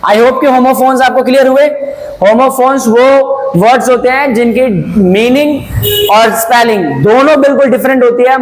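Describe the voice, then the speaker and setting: A man's voice: very high-pitched, slight background noise, low-quality recording. A man teaching English grammar in Hindi, mixing in English phrases and spelling words out letter by letter. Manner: explains patiently, asks and answers own questions, says "bhai". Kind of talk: Hinglish classroom lesson.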